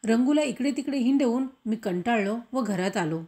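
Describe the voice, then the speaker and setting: A woman reading a classic story aloud, with measured, expressive storytelling. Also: fairly high pitch, husky. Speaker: audiobook reader.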